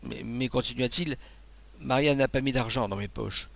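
A man reading the part of an excitable, kindly abbé who stammers and pleads in a flustered way. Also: medium pitch, moderate pace, creaky, dry recording. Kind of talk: audiobook dialogue.

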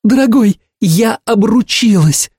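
A man's voice: animated, slow, a little mellow, breathy edge, no echo, studio quality, full character voice. A man voicing a chattering young woman in an audiobook, piercing and effusive, showering endearments. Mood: gushing. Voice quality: piercing shrill voice. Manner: effusive, sprinkles every phrase with endearments. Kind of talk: audiobook character voice.

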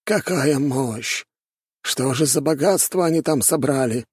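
A man voicing a gruff, red-bearded old elder in blue, in a raised, husky voice. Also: mid-range voice, normal speed, darkish tone, dry recording, clean studio sound, voice pushed up, natural voice. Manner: impressed, gruff.

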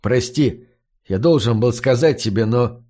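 A man's voice: mid-range voice, measured pace, dark tone, close to an everyday voice. A man voicing a guilty young man who grumbles and mutters his lines in an audiobook. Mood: grumbling.

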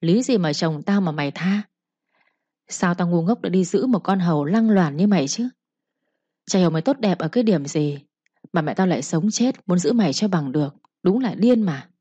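Woman doing a sharp-tongued bossy mistress, low husky voice, dull lo-fi sound. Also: expressive, a little fast, no room sound. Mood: furious. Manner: sharp, contemptuous, threatening. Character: harsh scolding young mistress of a household.

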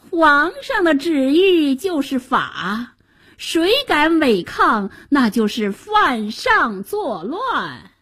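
A woman's voice: high-pitched, very animated, extremely slow, fairly bright tone, pitched above the performer's own voice, full character voice. Woman playing a sneering villainous prime minister. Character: scheming villainous male prime minister, cruel and smug.

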